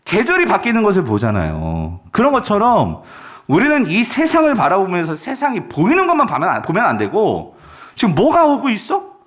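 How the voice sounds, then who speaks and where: Animated high-pitched male pastor preaching. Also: brisk. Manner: animated, questioning the congregation. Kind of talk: sermon. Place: church sanctuary.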